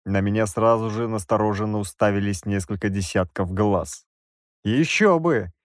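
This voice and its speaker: A man narrating a first-person audiobook in a wry, expressive reading. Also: on the low side, moderate pace, no room sound, studio quality.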